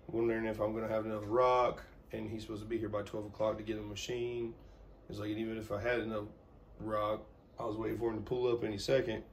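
A man talking flatly about his work worries, stressed. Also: lowish voice, quick pace, a little hiss or hum. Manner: stressed, flat.

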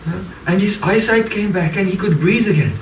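A man telling a devotional story in short phrases, pausing for an interpreter, recorded from a distance in an echoey room with faint music. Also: high voice, a little hiss or hum. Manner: pauses line by line for translation.

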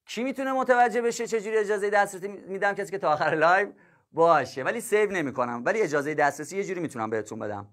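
A man with a slightly higher-than-usual voice, talking as a math teacher on a casual livestream. He chats loosely with his students, cracks jokes and laughs easily, and keeps calling them kids and dear ones. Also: fairly bright tone. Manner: chatty, jokes and laughs with viewers.

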